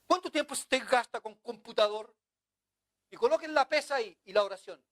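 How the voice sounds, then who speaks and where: A man's voice: very high-pitched, lively intonation, a little fast, a bit bright. A man preaching a sermon as pastor, in an impassioned, pleading manner.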